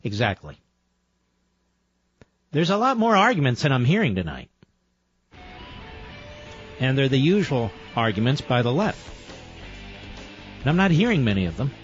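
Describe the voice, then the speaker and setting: A man's voice: huge pitch swings, normal speed, long pauses, breathy edge, no echo, lo-fi sound, soft background music. An American man, a talk radio host, delivering an emphatic infomercial-style read. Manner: emphatic sales pitch, repeating offers and phone number.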